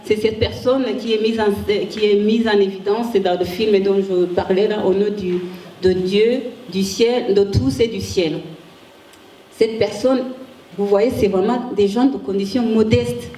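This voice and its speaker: A woman giving an academic conference talk with slides, halting and restarting as she searches for words. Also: medium pitch, mellow. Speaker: conference speaker, ethics researcher. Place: conference room. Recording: echoey room, distant mic, faint hiss.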